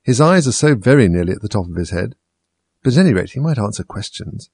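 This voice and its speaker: A man's voice: fairly low pitch, very animated, quick pace, a little mellow, breathy edge, no echo, exaggerated voice. A man voicing Alice, a timid, polite young girl who asks earnest questions.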